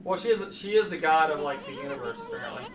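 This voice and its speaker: Fast, high-pitched rambling male gamer. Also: wildly swooping pitch. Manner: rambling, repeats words. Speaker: player and gaming commentator. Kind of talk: casual let's play commentary. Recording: echoey room, distant mic, noisy.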